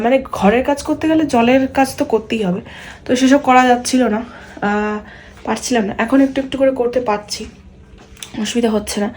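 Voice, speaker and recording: A young woman chats casually in a home vlog, talking softly and quietly with rambling fillers and restarts. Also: fairly high pitch, slight background noise. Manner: speaks softly and quietly so as not to wake her sleeping son. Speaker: vlogger. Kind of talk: casual daily-life vlog chat.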